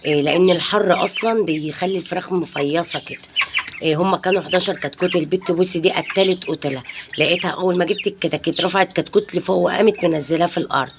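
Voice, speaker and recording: A home vlogger and mother in her thirties talks to her followers from her balcony, her Egyptian Arabic accent coming through in a lowish, rapid-fire voice. There's background noise behind her. She rambles loosely and peppers her talk with pious blessings.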